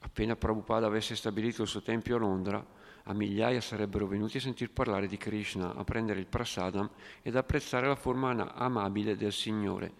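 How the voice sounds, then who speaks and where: Reflective male reader with asides; gravelly, long hall reverb. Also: fairly low pitch, steady tone, fairly quick. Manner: quiet, reflective commenting. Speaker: reader and commentator. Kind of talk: reading aloud with asides.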